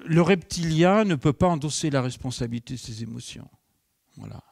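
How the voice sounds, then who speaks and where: A middle-aged man teaches at a conference in a fairly high voice, recorded close and dry. He keeps it lively, acting out little exchanges and turning to the room with questions. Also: fairly quick, creaky, no room sound. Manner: lively, acts out dialogue, asks the audience questions. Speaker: nonviolent communication trainer. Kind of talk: live conference talk to an audience.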